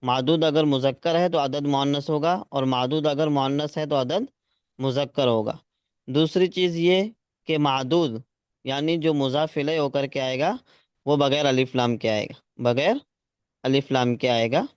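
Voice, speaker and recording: A man's voice: mid-range voice, normal speed, smooth, no room sound, studio quality. A man teaching Arabic grammar. He repeats key words for his students. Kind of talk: classroom lesson, explaining grammar.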